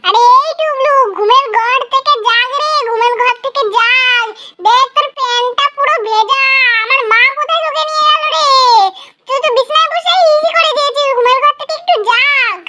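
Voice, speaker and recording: [name], a woman doing a shrill bossy little girl. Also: normal speed, sharp tone. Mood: scolding. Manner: scolding, giggling, shrill outbursts. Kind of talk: doll cartoon voice acting.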